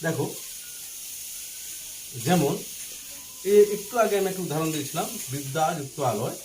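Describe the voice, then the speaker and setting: A man teaching a Bengali grammar lesson, slowly spelling out letters and asking and answering his own questions, with a faint Bangladeshi Bengali accent. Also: a little high, animated, a little mellow, a little hiss or hum. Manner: slow and deliberate while writing, spelling out letters.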